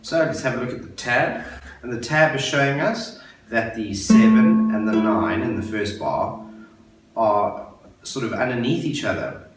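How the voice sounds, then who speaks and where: A man giving a patient, step-by-step guitar lesson for beginners, counting beats and repeating each step. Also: mid-range voice. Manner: patient, explains slowly and repeats steps. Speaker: guitar teacher. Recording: very echoey room, voice a bit far from the mic, guitar playing.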